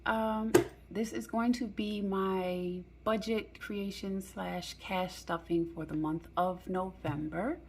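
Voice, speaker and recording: A woman chatting casually through a budget vlog in a halting, low-energy way, slightly hoarse as if weak after surgery. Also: fairly even intonation, slight background noise. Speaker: budgeting vlogger. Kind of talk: casual chat while counting cash.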